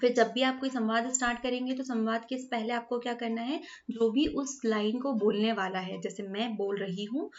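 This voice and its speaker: A woman's voice: fairly high pitch, steady tone, normal speed, hardly any pauses, muffled recording. Patient woman teacher explaining a lesson. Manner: patient, repeats points with rhetorical questions.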